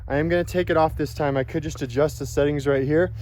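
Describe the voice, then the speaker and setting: A man's voice: on the high side, fairly even intonation, fast, a little mellow, a little hiss or hum. A man giving a casual, informal product demonstration in an instructional way, as a reviewer.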